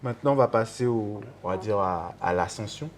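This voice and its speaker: A man's voice: lowish voice, fairly quick, a little hiss or hum. A man hosting a casual interview, encouraging, often agreeing and echoing his guest's words. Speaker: interview host.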